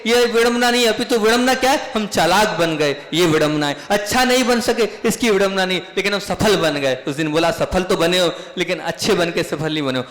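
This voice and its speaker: A man preaching as a monk, lively and rhetorical, asking questions and repeating key phrases. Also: high voice, a little fast, hardly any pauses. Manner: animated, rhetorical questions and repetition. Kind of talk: sermon. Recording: echoey hall.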